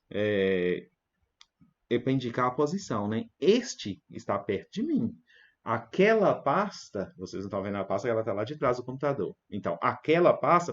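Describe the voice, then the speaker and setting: A man's voice: lowish voice, highs cut off. A man with a Brazilian Portuguese accent, a teacher patiently explaining grammar to schoolchildren, asking "né?" often. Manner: patient, repeats words slowly and asks "né?" often. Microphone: desk setup with digital pen tablet.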